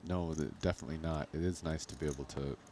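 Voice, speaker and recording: A man's voice: a bass voice, fairly even intonation, fast, dark tone. A man giving casual, analytical poker commentary as a player, in loose, conversational, hedging phrases. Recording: noticeable background noise.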